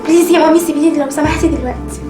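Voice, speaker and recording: A woman's voice: high-pitched, steady tone, very fast, over music, lightly acted. An actress playing a young Egyptian woman who is crying as she speaks to her mother. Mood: tearful. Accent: Egyptian Arabic.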